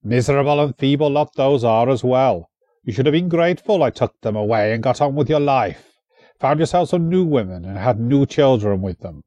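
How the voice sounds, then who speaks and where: A man's voice: mid-range voice, animated, moderate pace, mellow, no room sound, lo-fi sound, voice pushed up, lightly acted. A man voicing a menacing, mocking Welsh warlord prince with a Welsh accent and a taunting manner. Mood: sneering. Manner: sneering, taunting.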